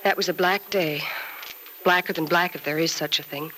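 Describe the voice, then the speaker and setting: An actress playing a gentle, bereaved young nurse in a 1940s radio soap opera, consoling in an earnest, wistful, measured way. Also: female voice, sits low, steady tone, low-quality recording. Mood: wistful sorrow. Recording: old radio recording with faint noise.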